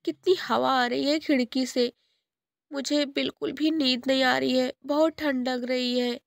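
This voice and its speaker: A tiny girl sparrow from a cartoon storybook, squeaky and high, pleading in a small tearful voice, as a woman puts her on. The sound is close and dry, with no room around it. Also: steady tone, unhurried, gravelly, no echo. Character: cheerful then grieving little girl sparrow.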